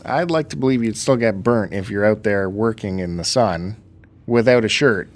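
A man's voice: lowish voice, moderate pace. A man co-hosting a podcast in casual chat, teasing his partner and laughing often. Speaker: podcast co-host.

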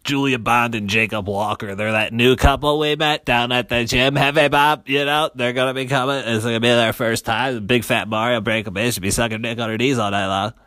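Guy leaving a loud chummy voicemail, rambling on and on, bright punchy voice, dry close sound. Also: medium pitch, fairly even intonation, fairly quick, hardly any pauses, dry recording. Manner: boisterous, chummy, lists names at length. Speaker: caller.

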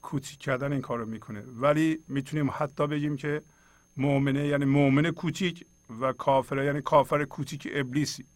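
A middle-aged man hosts a spiritual program, explaining verses of poetry in a colloquial, earnest way and urging his listeners directly. His mid-range voice keeps a steady tone on a dry recording.

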